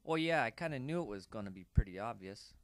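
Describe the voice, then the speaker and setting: A silly, gloating cartoon villain acted by a man, chatty and mock-menacing. The voice sits at a medium male pitch, with faint noise in the amateur recording. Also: expressive, fast, close to an everyday voice. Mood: matter-of-fact.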